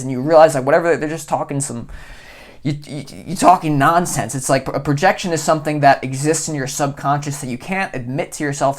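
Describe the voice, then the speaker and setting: A tarot reader giving a casual, goofy reading to camera, rambling and talking in loose, chatty asides. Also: medium pitch.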